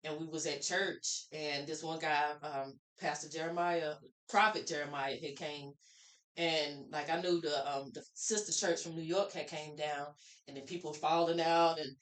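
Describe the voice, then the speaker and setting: A woman's voice: low-pitched, steady tone, normal speed. Candid woman in a roomy-sounding podcast. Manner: candid, rambling storyteller who acts out quoted voices. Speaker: podcast guest. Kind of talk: casual storytelling conversation. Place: podcast room. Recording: roomy echo.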